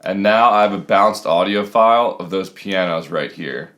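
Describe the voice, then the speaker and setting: A man's voice: deep voice, normal speed, a bit bright. A man in his thirties talking casually and explaining step by step as a music production tutor, recorded in a small home room.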